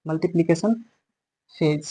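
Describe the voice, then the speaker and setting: A man's voice: on the high side, fairly even intonation, unhurried, dark tone, husky, rough recording. A man teaching biology in a classroom-style lecture, repeating and correcting terms as he explains and mixing English words into his talk. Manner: mixes English terms into Hindi.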